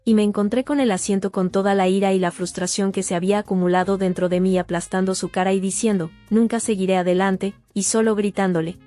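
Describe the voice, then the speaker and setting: A woman narrating a first-person testimony as a voice-over, in a steady, sober storytelling manner. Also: mid-range voice, quick pace, hardly any pauses, no room sound. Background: faint guitar music.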